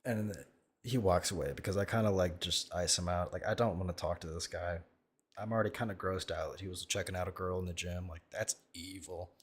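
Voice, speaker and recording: A man with a lowish voice tells a story in an offhand, rambling way. He is crude and self-mocking and keeps restarting his sentences as he reacts to videos. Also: steady tone, brisk, slightly rough.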